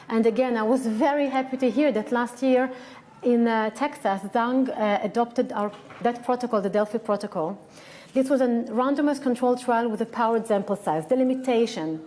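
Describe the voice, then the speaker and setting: A woman with a strong Israeli accent delivers a conference lecture, earnest and frank. Her voice sits a little high, yet its tone is soft and mellow. She stresses her points with plain conviction. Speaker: researcher giving a conference talk. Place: conference hall.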